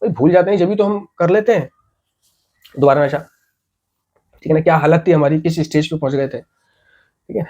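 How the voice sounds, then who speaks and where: A man's voice: fairly high pitch, moderate pace, pauses often, dark tone, highs cut off. Earnest man urging addiction recovery. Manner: earnest, repetitive, drives points home with rhetorical questions. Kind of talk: motivational talk to camera.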